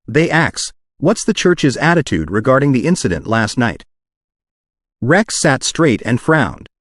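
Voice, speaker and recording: Computer-voiced guy reading a fantasy audiobook, bouncy pitch, super dry sound. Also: no echo. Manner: synthetic audiobook reading, reads punctuation aloud. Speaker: narrator. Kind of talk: scripted narration.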